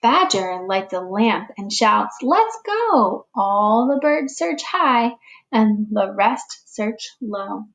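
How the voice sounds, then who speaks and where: A woman teacher reading a picture book aloud to young children, slow and expressive, giving the animals little voices. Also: medium pitch. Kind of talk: read-aloud storytime for children.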